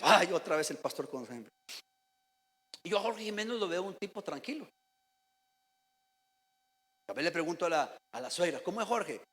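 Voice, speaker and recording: A man's voice: sits high, fairly bright tone. A male pastor from Costa Rica giving a Sunday sermon, speaking directly to the congregation and asking them to repeat after him. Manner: addresses the congregation directly with questions and calls to repeat. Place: church sanctuary. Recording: church hall reverb.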